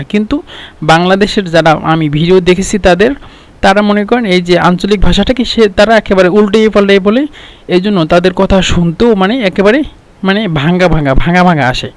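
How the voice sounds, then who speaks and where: High-voiced man teaching a language lesson. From Bangladesh. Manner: explains slowly with many fillers and repeated examples. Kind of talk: casual spoken lesson.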